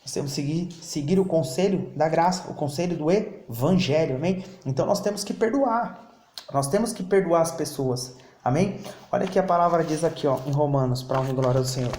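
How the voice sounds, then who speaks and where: A man's voice: a little high, fairly quick, mellow, roomy sound. A man preaching a sermon, often asking his listeners for an "amen". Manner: preaching with call-and-response "amém?" and acted prayer lines. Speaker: pastor. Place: church.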